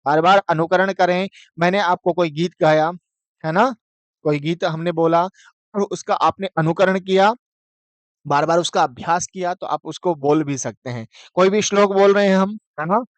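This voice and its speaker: Male lecturer, high crisp voice, dry close sound, quizzing style. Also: no echo. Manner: chants verses slowly, asks and answers own questions. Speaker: teacher. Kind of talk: exam-prep lecture.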